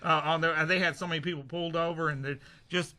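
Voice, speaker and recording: A man on a talk show who rants in a heated, repetitive, rambling way. His voice is sharp and forceful, pitched a little high. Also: fairly even intonation, quick pace. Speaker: regular guest. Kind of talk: ranting talk-show chat. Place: TV studio.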